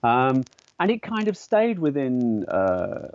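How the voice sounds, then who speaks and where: A man from an English-speaking country, an artist and educator, explains ideas as a guest in a conversational interview, thoughtful and hesitant with many fillers and restarts. His mid-range, darkish voice moves slowly with big pitch swings and a clean tone. The recording is dry and dull.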